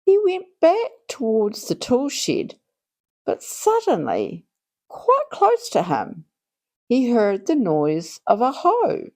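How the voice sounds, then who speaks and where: A woman reading a children's storybook aloud in an expressive, deliberate way, drawing out her phrases for young listeners. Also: on the high side. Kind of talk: read-aloud storybook narration.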